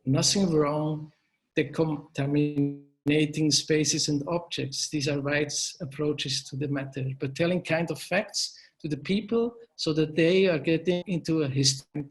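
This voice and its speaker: A German-speaking poet and organization director of Swiss and Italian background gives a prepared panel presentation over a video call, his voice fairly high and steady. He comes across as earnest, with slightly halting non-native phrasing. The call audio is poor.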